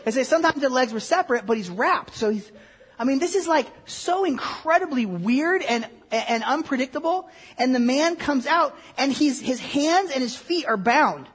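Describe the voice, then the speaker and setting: A woman preacher delivering a lively sermon. She acts out the scenes and asks the listeners questions. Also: high-pitched, normal speed, slightly rough. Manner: animated, acts out the scenes with big shifts in loudness.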